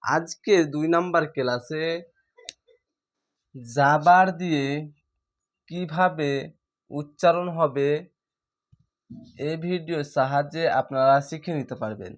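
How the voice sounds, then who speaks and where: Male reading tutor, slightly high voice, extremely slow and deliberate, repeats each letter and sound step by step. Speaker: Quran reading teacher. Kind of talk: slow step-by-step recitation lesson.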